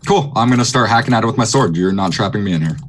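Man, low voice, casual tabletop player, hesitant, rambling. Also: very fast. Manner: rambling, hesitant, with many restarts and fillers. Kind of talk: casual tabletop role-play.

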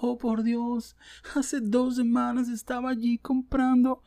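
A man puts on a melodramatic online poster who makes every distant event about themselves. The voice jumps high and gasps, dragging slowly through each word. Underneath is a gravelly, warm tone. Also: monotone, exaggerated voice. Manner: gasping, overdramatic.

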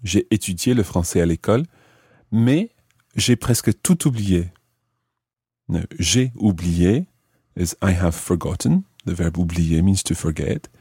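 Moving between explanations and French examples, a man gives an animated yet deliberate language lesson in a low, clear, mellow voice. The recording is dry and close, with no room sound.

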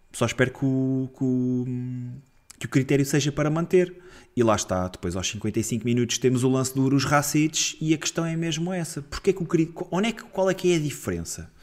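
A man with a European Portuguese accent picks apart refereeing decisions in relaxed podcast chat. His voice sits at an ordinary middle pitch, but he grows animated and exasperated as he talks, often stopping and restarting his sentences. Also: brisk. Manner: animated, gets heated and exasperated, many restarts. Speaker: co-host of a football club podcast. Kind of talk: casual football analysis chat.

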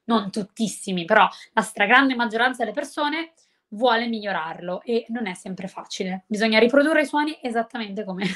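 A woman's voice: a little high, animated, moderate pace, fairly bright tone. Chatty woman, English teacher. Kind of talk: casual chat.

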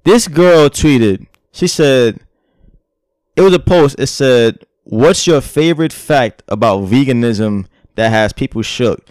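Slangy animated man in casual chat. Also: medium pitch, takes it slowly, clear, resonant tone, dry recording, studio quality. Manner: animated, slangy, swears, says "son" often.

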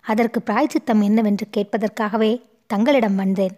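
Voicing a guilt-stricken young noblewoman for a storybook, a woman pleads and sobs between her words. Her own voice is medium-pitched, steady, and mellow at normal speed, close to how she normally talks.

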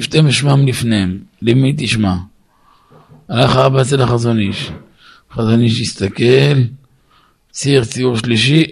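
A man, a rabbi, giving a Torah lesson in a storytelling way, asking and answering his own questions and rising high and loud to stress points. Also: gravelly, breathy edge. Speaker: rabbi teaching a class.

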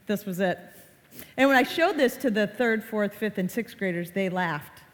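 A woman in her forties giving a live safety talk to parents and kids, conversational and lively, acting out family exchanges. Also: medium pitch, moderate pace. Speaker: child safety presenter. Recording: long hall reverb.

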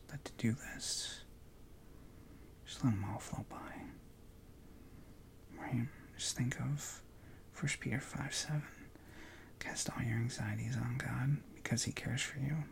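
A man leading a guided contemplative prayer session, talking softly in a hushed whisper with long pauses and relaxed, informal asides. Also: mid-range voice, vocal fry. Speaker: prayer leader.

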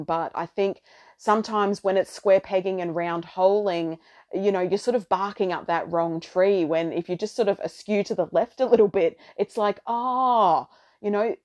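A middle-aged woman with a slightly low voice talks as a solo podcast host. She is chatty and a little theatrical, wandering loosely from one thought to the next in a casual, conversational style. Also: darkish tone. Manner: chatty, rambling, tangential.

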